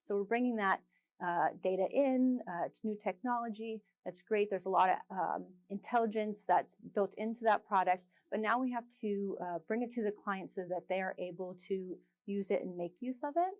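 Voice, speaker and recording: A woman presenting at a technical conference in a relaxed way, often pausing on fillers and dropping in light jokes. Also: medium pitch.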